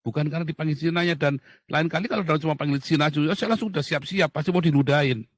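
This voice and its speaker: Ranting guy from indonesia, mocking and blunt, kinda high voice, dry no-echo sound, yells then mutters. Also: rapid-fire. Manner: loud outbursts then low muttering. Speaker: talk show speaker. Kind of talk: heated casual monologue.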